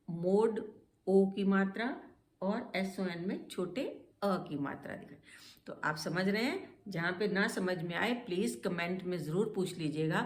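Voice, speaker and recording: A woman teaching English pronunciation, spelling out letters and repeating words slowly. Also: mid-range voice, reverberant.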